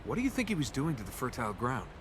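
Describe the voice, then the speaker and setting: Rapid-fire and a bit bright, with wildly swooping pitch, a male actor plays a cocky young video game adventurer with a wry, sardonic, casual manner. It's natural character acting, recorded as game capture with rumbling ambient noise.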